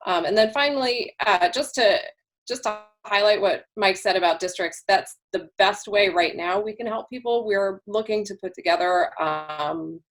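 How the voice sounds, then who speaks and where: A woman's voice: medium pitch, moderate pace. A woman council member giving an informal, wandering report over a video call, her voice worn from a long day. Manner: informal, wandering, many restarts. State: losing her voice.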